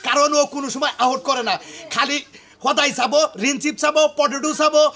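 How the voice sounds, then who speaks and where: A man's voice: very high-pitched, fairly even intonation, a little fast, vocal fry. A man playing a village father who scolds and boasts. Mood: boastful.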